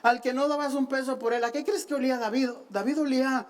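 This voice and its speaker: A woman preaching a sermon, telling the story with lively acting and playful self-mocking asides. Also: high voice, fast. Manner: animated storytelling, acting out the quoted lines.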